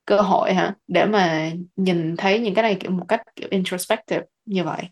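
A woman's voice: on the low side, brisk. A woman co-hosting a casual book podcast, talking in a chatty way with many fillers and English words mixed in. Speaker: podcast co-host. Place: lives in the US.

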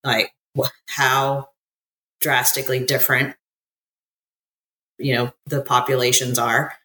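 This guest in a casual interview is an American woman whose very deep voice stays level and slow, with a sharp edge. She talks in a loose, chatty style, peppered with fillers and easy laughter.

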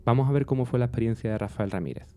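A man hosting the show, commenting on and explaining the story in a measured way. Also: mid-range voice, mellow, clear, resonant tone. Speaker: host. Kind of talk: presenting and commenting.

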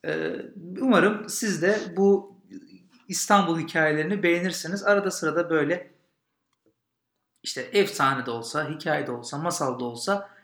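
This man hosts a podcast and tells stories in an informal, narrated way, opening casually before recounting a legend. His voice is fairly high and a bit bright, with vocal fry, and the room echoes while guitar music plays.

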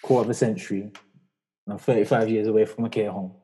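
A man's voice: on the low side, steady tone, quick pace, mellow, slight background noise. A man in his twenties with a British urban roadman accent, chatting casually and slangily on a group podcast. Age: 20s. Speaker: podcast panellist.

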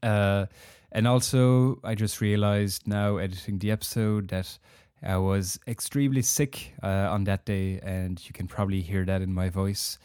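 A man's voice: on the low side, steady tone, moderate pace, few pauses, darkish tone, clear, resonant tone, no room sound, clean studio sound. A man hosting a podcast, talking casually with many filler words, getting over a heavy cold. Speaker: podcast host.

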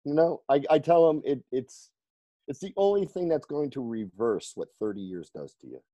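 A man who coaches firefighters on fitness, telling stories in an interview, lively and laughing often as he acts out the people he quotes. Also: mid-range voice, normal speed, no echo, highs cut off. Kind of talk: storytelling in a conversational interview.

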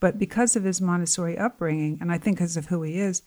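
A middle-aged woman with a slightly low voice speaks earnestly as a guest coach. She talks with conviction and turns animated when she acts out what other people say. Her voice sounds a little tired. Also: quick pace. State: voice getting tired. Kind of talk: conversational interview.

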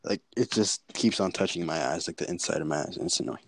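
A man's voice: low-pitched, fast talker, dry recording. A teenage boy chatting on a video call from home, giggly and rambling, sometimes dropping to a whisper. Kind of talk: casual chat. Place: at home, indoors.

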